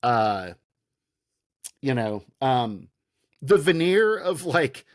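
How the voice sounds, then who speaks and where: A man co-hosting a comedy podcast, reacting in a halting way and laughing often. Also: mid-range voice, big pitch swings, no room sound, clean studio sound. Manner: halting, lots of fillers and restarts, laughs easily. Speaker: podcast co-host. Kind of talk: casual comedic chat.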